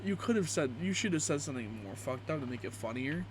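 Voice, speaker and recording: A man's voice: a little high, expressive, fast talker, noisy background. A young man reading aloud casually and gleefully, with crude, amused reactions, as a YouTube creator would. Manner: crude, joking, swearing.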